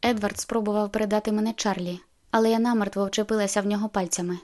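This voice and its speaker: A woman reading an audiobook in an even, subdued way. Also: medium pitch, quick pace. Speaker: audiobook narrator. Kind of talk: scripted narration.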